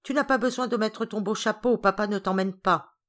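A woman voicing an excitable, somewhat spoiled young boy in an audiobook, raising her voice. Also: medium pitch, normal speed, close to an everyday voice. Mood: eager.

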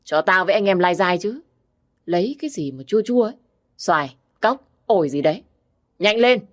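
A woman's voice: mid-range voice, animated, moderate pace, natural voice. A woman voicing a drunk, abusive older brother who talks in a slurred drawl. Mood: bossy.

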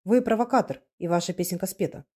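A woman's voice: mid-range voice, fast talker, mellow, breathy edge, natural voice. A woman voicing a young male revolutionary who speaks in clipped, angry bursts. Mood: fierce. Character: young male revolutionary, hot-headed and fierce.

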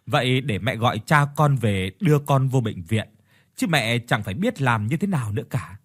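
A man's voice: mid-range voice, lively intonation, normal speed, lightly acted. A man voicing an anxious middle-aged mother in a spoken horror story, pleading with her sick son. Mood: worried.

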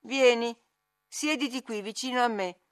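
A frail young man asks for company in a soft, pleading voice, as a woman narrator puts him on. It is read as part of an audiobook. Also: a little high, moderate pace, lightly acted. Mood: plaintive. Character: sickly young man, weak and clinging.

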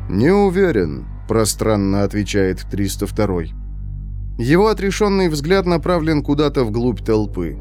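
A man narrating a story in a scripted reading with an expressive, varied delivery. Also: mid-range voice, a little slow, soft background music. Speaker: audiobook narrator.

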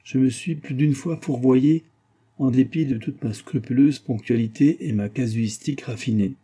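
A man reading the lines of a cordial, enthusiastic little businessman with a courteous, warmly persuasive manner in an audiobook. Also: mid-range voice, normal speed, slightly rough, lightly acted.

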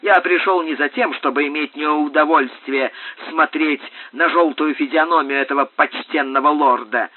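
A man doing a loud, swaggering captain. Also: on the high side, moderate pace, few pauses, no echo, close to an everyday voice. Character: blustering, rude male sea captain. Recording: tinny phone-like dry sound.

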